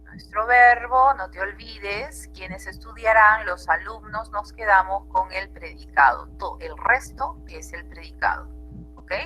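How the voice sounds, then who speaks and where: A woman's voice: mid-range voice, a little slow, sharp tone, faint music behind, rough recording. A woman teacher with a Peruvian Spanish accent, giving an online grammar class and checking in with her students often.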